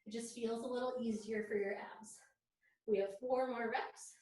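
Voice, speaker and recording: A woman leading a yoga class with soothing, encouraging, unhurried cues, recorded in an echoey room. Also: fairly high pitch, steady tone, a little mellow. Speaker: fitness and yoga instructor. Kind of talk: guided workout class, spoken cues. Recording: very echoey room, distant microphone.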